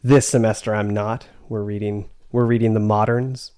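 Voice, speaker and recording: This middle-aged man is an adjunct English literature professor appearing as an interview guest, answering questions and sharing anecdotes conversationally. His fairly low voice is warm and smooth, with a level tone at normal speed.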